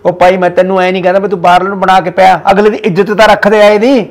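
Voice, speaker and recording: Stern older village patriarch, played by a man, Punjabi accent, high-pitched scolding. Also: flat delivery, racing. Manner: scolding, lecturing. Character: older village father-in-law, stern about family honour. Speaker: father-in-law in a village family.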